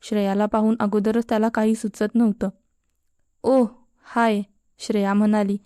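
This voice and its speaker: A woman narrating a story in a steady storybook reading style, voicing every character herself. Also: medium pitch, fast, smooth, dry recording, studio quality.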